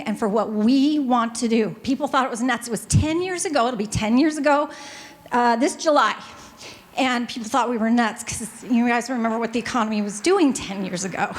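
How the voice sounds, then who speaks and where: A middle-aged woman with a Pacific Northwest American accent, speaking on a business panel into a handheld microphone in a hotel ballroom, chatty and quick, joking with the audience. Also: on the high side. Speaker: panelist, music store owner. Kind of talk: panel talk to a live audience.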